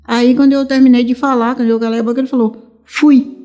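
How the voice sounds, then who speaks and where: Warm-voiced São woman recounting. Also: fairly high pitch, flat delivery, quick pace. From São Paulo, Brazil. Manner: rambling retelling, many restarts, acts out the dialogue. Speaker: mother of a missing teenager. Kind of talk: emotional personal testimony.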